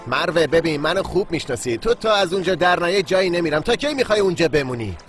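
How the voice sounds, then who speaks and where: A man's voice: on the high side, expressive, fairly bright tone, soft background music. A man dubbing a young man torn between his fiancée and his family, pleading and defensive. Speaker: dubbing actor. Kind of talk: Persian dub of a Turkish series.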